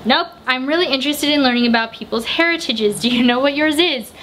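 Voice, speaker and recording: A young American woman with a slightly high voice runs through viewer questions in a casual home vlog. She answers in quick, chatty bursts. A faint hiss of room noise sits under the camera mic. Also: a bit bright. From United States. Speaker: book vlogger. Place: home room with bookshelves, indoors.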